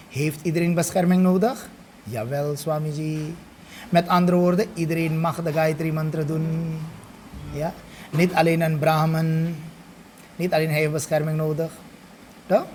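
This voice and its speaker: A man's voice: high-pitched, a little hiss or hum. A man, a swami, leading a scripture study group, explaining and often checking in with his listeners, slipping Hindi and Sanskrit phrases into his talk.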